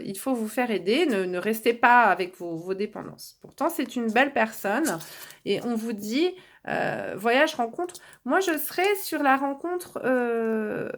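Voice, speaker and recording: Chatty French woman reading cards. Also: fairly high pitch. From France. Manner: chatty, reassuring, many fillers and restarts. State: losing her voice. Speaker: tarot card reader. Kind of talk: casual card-reading guidance.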